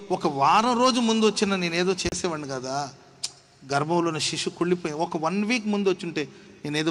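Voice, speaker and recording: A male pastor preaching a sermon in a dramatic way, acting out dialogue and building to loud, forceful passages. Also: a little high. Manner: dramatic, acts out dialogue, rises to shouting.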